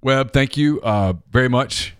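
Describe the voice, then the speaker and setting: A man's voice: mid-range voice, measured pace, smooth, no echo. A man co-hosting a sports talk show, bantering wryly and reading listener questions aloud in a studio. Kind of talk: casual sports radio chat. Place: radio studio. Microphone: studio microphone.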